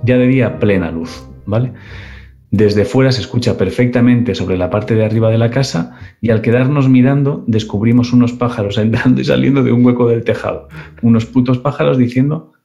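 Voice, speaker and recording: A man's voice: medium pitch, a little fast, vocal fry, dark tone, muffled recording, soft background music. A man co-hosting a casual live-stream show, reading a listener's story aloud and joking and swearing as he goes. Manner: joking, swears freely, comments on the story as he reads. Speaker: podcast co-host reading listener stories.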